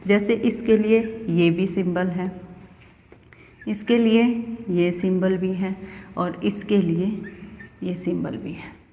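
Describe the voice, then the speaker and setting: A woman's voice: on the low side, fairly even intonation, slow, long pauses, dark tone. A woman from India teaching an English pronunciation lesson, explaining step by step and often asking the student questions. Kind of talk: classroom lesson. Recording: echoey room with long reverb.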